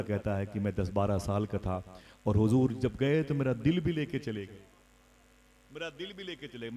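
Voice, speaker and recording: A man's voice: mid-range voice, a little mellow. A male preacher telling a religious story in a sermon, acting out the voices and chanting couplets. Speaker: Islamic preacher. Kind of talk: Urdu-Hindi religious sermon with recited verses.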